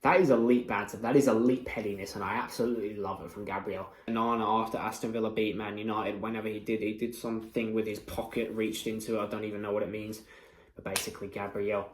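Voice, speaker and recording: A man's voice: lowish voice, level tone, fast talker, reverberant. A young man giving a passionate, mocking post-match reaction as a fan channel host. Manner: passionate, swearing, mocking rivals.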